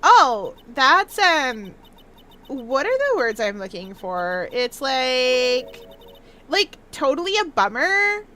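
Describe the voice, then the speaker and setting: A woman's voice: high voice, big pitch swings, slow pace, pushed and bright, exaggerated voice. A woman voicing a ditzy, bubbly sorority-girl college student in a video game, with a Valley Girl accent and statements that lilt like questions. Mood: perky, clueless. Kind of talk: video game voice-over read-aloud.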